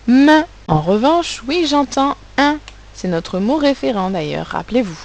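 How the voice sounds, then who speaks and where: A woman teacher giving a recorded phonics lesson to children, articulating sounds and syllables slowly and with care. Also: fairly high pitch, big pitch swings, gravelly, a little hiss or hum, poor audio. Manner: slow, carefully articulated, stressing sounds and syllables. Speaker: primary school teacher.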